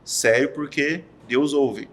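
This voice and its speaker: A soft-spoken man hosts a podcast in casual conversation with his guest. His voice sits in a middle pitch. He shares sayings he likes in a relaxed, chatty way. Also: takes it slowly. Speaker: podcast host. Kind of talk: casual chat.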